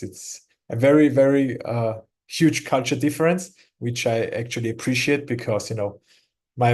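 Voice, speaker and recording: A man's voice: medium pitch, darkish tone. A man from Austria with a German accent, a company executive speaking as a guest in a casual interview, often restarting and repeating words.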